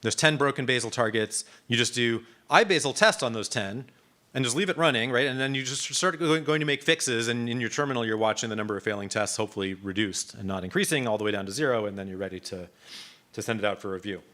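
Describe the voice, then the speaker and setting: A man's voice: mid-range voice, fast, pushed and bright. A man leading a live coding workshop, explaining in a casual, conversational way with many fillers and restarts. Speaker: workshop instructor.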